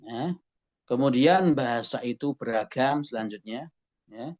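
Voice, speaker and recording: A man's voice: mid-range voice, measured pace, darkish tone. Man lecturing on a dull lo-fi recording. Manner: explains step by step, often adds a questioning "ya" and asks rhetorical questions. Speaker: university lecturer. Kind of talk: classroom lecture.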